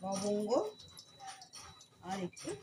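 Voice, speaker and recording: A woman's voice: mid-range voice, completely flat delivery, very slow, background noise. A woman chatting casually to her viewers as she cooks at home. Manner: chatty, addresses viewers as friends. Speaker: cooking vlogger. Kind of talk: casual home cooking vlog. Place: home kitchen.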